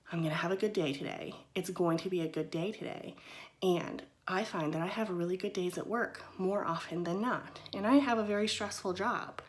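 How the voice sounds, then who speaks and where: A woman hosting a mindfulness talk in a casual teaching style, chatty and loose, often checking in with her listeners. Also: on the low side. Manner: conversational, often checks in with "right?" and "okay?"; loose and chatty, with frequent "kind of" and "you know".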